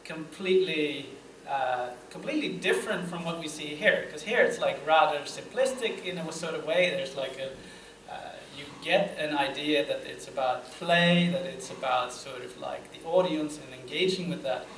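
A man's voice: a little high, moderate pace, fairly bright tone. A young man hosting a live interview, casual and full of fillers. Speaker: host. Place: room with a table, audience. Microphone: table mic on stand. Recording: echoey room, noisy, far from mic.

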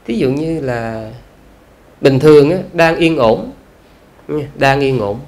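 A Buddhist monk with a Southern Vietnamese accent gives a conversational dharma talk, peppering it with rhetorical questions and long, drawn-out "à" fillers. His voice is mid-range and a little mellow, with lively intonation.

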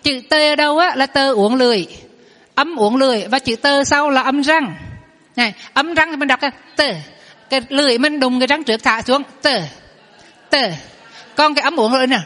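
A woman teaches as a Buddhist nun, her fairly high voice carried through a hall with a long trailing reverb. She explains patiently and slows down to drill new words, saying each twice for her class. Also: fairly bright tone. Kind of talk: Dharma lesson with pronunciation drills.

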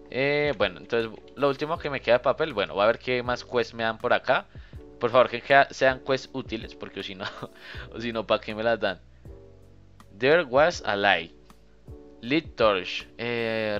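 A young man, giving casual, chatty commentary while playing a game and thinking out loud to his viewers. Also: fairly low pitch, dull audio. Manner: chatty, thinks aloud, often addresses viewers as "muchachos". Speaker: gaming youtuber.

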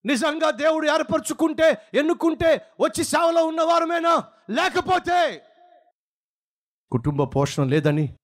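High, dramatic male preacher. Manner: dramatic, swings from low to shouting. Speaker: pastor. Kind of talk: sermon.

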